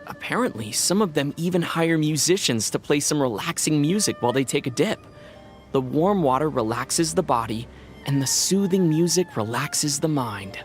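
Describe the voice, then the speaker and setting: A woman voicing a calm young woman traveler with a dry, gently teasing manner, in video game dialogue. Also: sits low, normal speed. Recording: game audio with faint music.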